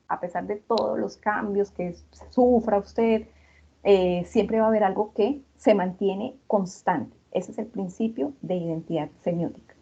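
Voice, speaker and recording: Husky Santander Colombian woman lecturing. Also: mid-range voice, mellow, highs cut off. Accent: Santander Colombian Spanish. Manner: explanatory, asks rhetorical questions. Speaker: university lecturer. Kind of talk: online class lecture.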